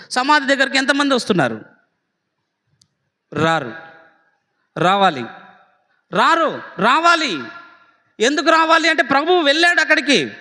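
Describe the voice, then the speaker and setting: A pastor preaching a sermon in a very high, bright voice. He tells scenes dramatically, with big pitch swings and stretched-out words. A long reverb from the church hall trails his voice.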